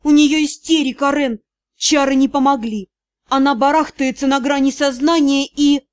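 A woman voicing a caring witch who speaks in a hushed, sighing, gentle way, in a storybook reading. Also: high voice, steady tone, normal speed, lightly acted. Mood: worried. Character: worried, caring older female witch.

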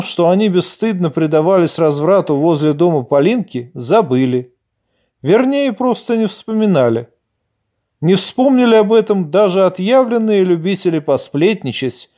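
A male narrator reading a novel aloud in measured, even storytelling. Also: fairly high pitch. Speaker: audiobook narrator. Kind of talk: scripted audiobook narration.

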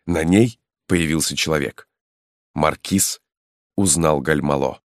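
A man narrating a novel in a measured, solemn reading. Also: a bass voice, no echo, studio quality. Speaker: audiobook narrator. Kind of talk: scripted narration.

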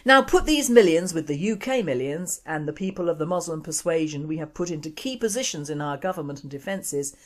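A woman's voice: deep voice, animated, fairly quick, hardly any pauses. A woman from the United Kingdom presenting opinionated commentary in a scornful, indignant manner. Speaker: show presenter.

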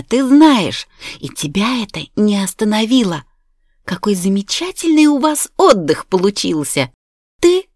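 A woman voicing a hysterical, furious pregnant young wife who shouts shrill accusations. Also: slightly rough, no room sound, clean studio sound.

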